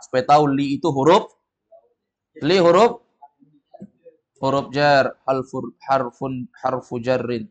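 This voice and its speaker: A man teaching an Arabic class in a casual, patient way, reassuring his students and slowly modeling pronunciation. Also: mid-range voice.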